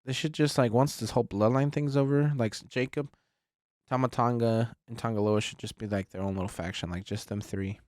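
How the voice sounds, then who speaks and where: A man co-hosting a casual podcast chat, excitable and prone to hyped-up shouting bursts. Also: mid-range voice, fairly quick, dry recording, clean studio sound. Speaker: podcast co-host.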